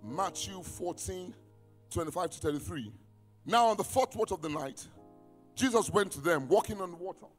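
Dramatic preacher in a reverberant church. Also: male voice, sits high, animated, moderate pace. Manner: dramatic, swings between shouting and near-whispers; reads scripture aloud and quizzes the congregation. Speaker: pastor. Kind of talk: preaching a sermon. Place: church hall. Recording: reverberant church hall with music.

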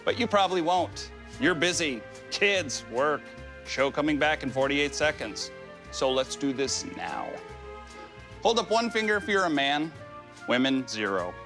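Male ad spokesman, deadpan and blunt, lively pitch, light music bed. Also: measured pace. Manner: blunt, deadpan direct address. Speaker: actor in a health ad playing a doctor. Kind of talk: comic scripted ad.

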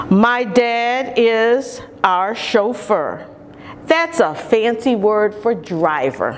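A middle-aged woman reads a picture book aloud to young children, expressively and deliberately, drawing out key words, recorded indoors from a camera. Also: mid-range voice, slight background noise. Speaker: storytime reader for young children. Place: large carpeted indoor lobby or lounge.

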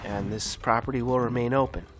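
A man's voice: mid-range voice, fairly even intonation, brisk, music in the background. A man hosting his gaming channel with casual commentary, stuffed up and with a sore throat, swearing freely.

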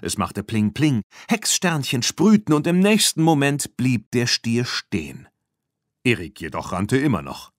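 A man narrating a children's audiobook in an expressive storytelling manner. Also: mid-range voice, a little slow, dry recording, clean studio sound. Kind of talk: scripted narration.

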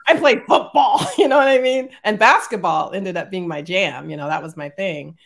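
A middle-aged woman, an executive, telling childhood stories as an interview guest over a video call, animated and laughing often. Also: mid-range voice, moderate pace, gravelly. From born in Germany, raised in Northern California. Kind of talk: casual storytelling.

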